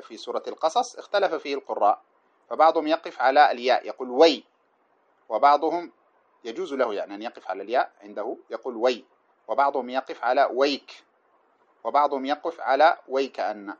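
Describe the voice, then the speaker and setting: Fast-talking male teacher, lo-fi recording. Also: medium pitch, animated. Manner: chants quoted verses slowly, explains in quick plain speech. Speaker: teacher explaining a didactic poem. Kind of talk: lecture. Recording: dull lo-fi lecture recording.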